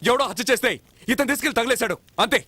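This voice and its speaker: An actor playing a brash young man, a trickster who talks fast and teases his sister in a dubbed film drama. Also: very high-pitched, pushed and bright, no echo, full character voice. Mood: reassuring. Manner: fast, teasing, reassuring. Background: film score.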